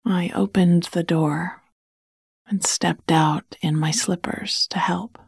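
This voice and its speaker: A woman narrating a bedtime story in a soft, hushed, soothing whisper close to the mic. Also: lowish voice, fairly even intonation, takes it slowly, vocal fry, breathy edge, no room sound.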